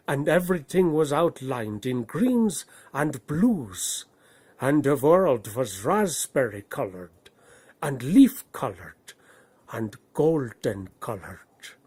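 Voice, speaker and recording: A man narrates a bedtime story in a put-on Norse accent, his husky, medium-pitched voice using slow, dramatic phrasing that swells and hushes.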